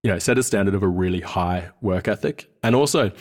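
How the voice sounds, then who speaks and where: An expressive, fairly quick speaker with a low, darkish voice, this podcast guest is an Australian man in his thirties born in New Zealand. During the casual interview he sounds hesitant and keeps searching for his words.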